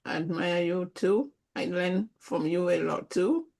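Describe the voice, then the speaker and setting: An African woman serving as a chaplain speaks in a peer review group discussion, her voice low, creaky and unhurried. She is warm, thinking aloud in broken fragments and restarting her phrases.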